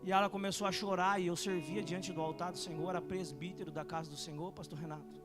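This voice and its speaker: A man's voice: steady tone, fast. A man, a pastor who preaches fervently and tells a personal testimony in front of a church congregation. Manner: shouting fervently, then telling a testimony in a low voice. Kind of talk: preaching a sermon. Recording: sermon with music underneath. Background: music playing.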